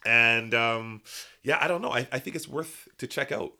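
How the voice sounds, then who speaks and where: A man's voice: medium pitch, normal speed, sharp tone. A man giving his take on a film podcast in casual, slangy, slightly hesitant review chat.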